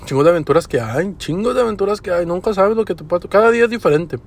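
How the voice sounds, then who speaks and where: A man's voice: high-pitched, lively intonation, fast. A young man with a Mexican Spanish accent telling work stories on his podcast, casual and crude. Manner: slangy, crude, laid-back. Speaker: podcast host. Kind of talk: casual storytelling.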